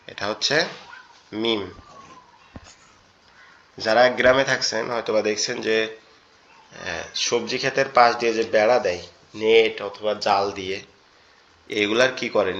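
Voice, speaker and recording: A man's voice: lowish voice, a bit bright. Male teacher, online lesson, patient and repetitive delivery, dull lo-fi audio. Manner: patient, repeats each point slowly. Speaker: Quran teacher. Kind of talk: online lesson on Arabic letters.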